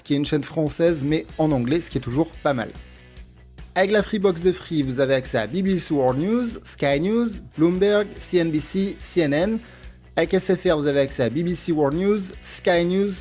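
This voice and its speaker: A man's voice: fairly high pitch, darkish tone. Man explaining over light music. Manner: clear, methodical list-reading delivery. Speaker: English test prep teacher. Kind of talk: scripted explainer narration.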